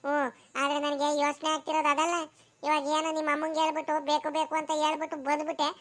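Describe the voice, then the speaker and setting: Woman voicing high rapid-fire village girl. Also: completely flat delivery, natural voice. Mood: worried. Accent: Karnataka rural Kannada. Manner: scolding, dramatic sighs. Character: village woman Ningi, scolding sweetheart. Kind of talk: cartoon voice acting.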